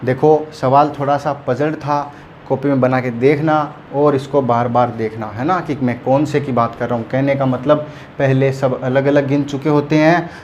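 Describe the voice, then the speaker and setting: A man's voice: mid-range voice, fairly even intonation, normal speed, a little mellow, muffled recording, a little hiss or hum. A man teaching a math lesson, counting aloud patiently and checking often that his students follow.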